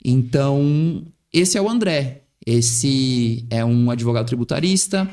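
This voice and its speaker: A man's voice: medium pitch, animated, unhurried, darkish tone. A man with a São Paulo accent, a tax lawyer guest on a podcast, speaking articulately and wittily and often adding "né". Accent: São Paulo Portuguese. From São Paulo, Brazil. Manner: articulate, witty, rhetorical, frequent tag "né". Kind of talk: podcast interview.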